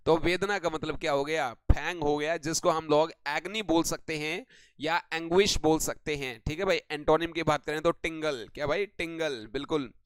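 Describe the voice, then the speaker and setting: A man's voice: a little high, fairly even intonation, normal speed, a bit bright, smooth, no room sound. A man teaching English vocabulary on a live online class, greeting viewers by name and asking and answering his own questions.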